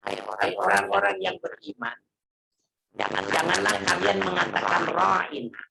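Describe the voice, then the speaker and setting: A man giving a religious lecture on verses over an online call. His voice comes through crackling, glitchy, distorted mic audio. He explains in measured phrases with many fillers. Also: sits high, vocal fry. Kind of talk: Quran commentary lecture. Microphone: microphone on an online video call.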